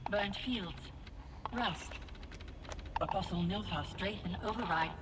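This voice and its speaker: A broken security construct in a video game, speaks in a glitching robotic voice, spitting out clipped one-word status reports and errors. The pitch sits in an ordinary middle range. A loud noise and keyboard clicking sit behind the game audio. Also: female voice, slow pace. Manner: clipped one- and two-word machine announcements. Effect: glitching robot voice, stuttering error reports.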